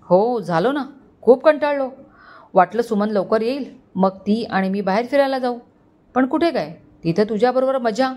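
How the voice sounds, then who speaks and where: A woman's voice: on the high side, animated, normal speed, natural voice. A woman doing a taunting arrogant young man. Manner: taunting, sharp. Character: arrogant possessive young man, English-mixing, mocking.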